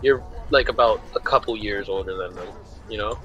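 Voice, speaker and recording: A young man co-hosting a casual podcast, chiming in with quick interjections. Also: on the low side, sharp tone, lo-fi sound, faint music behind. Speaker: podcast co-host.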